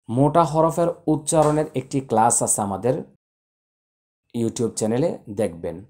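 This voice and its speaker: A man with a mid-range, darkish voice teaches Quran recitation, speaking directly to his viewers. He spells out the letters and vowel marks one at a time, then chants them, a spoken lesson blended with recitation.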